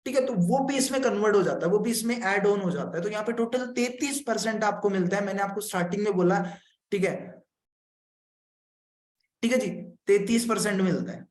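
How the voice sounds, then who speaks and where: High-voiced man explaining in an echoey room. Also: fairly quick. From India. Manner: repeats points, keeps saying "okay" and checks on viewers. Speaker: business consultant teaching a marketing plan. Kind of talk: live-streamed explanation to viewers.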